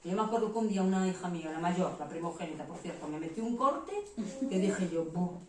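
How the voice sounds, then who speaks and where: A Spanish-woman preacher gives a frank, animated testimony and slips into the voices of the people she quotes. Her voice echoes heavily through a church hall and sounds distant from the mic. A faint hum of the room sits underneath. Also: on the low side, fast talker. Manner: candid and animated, quoting herself and others. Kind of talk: testimony sermon.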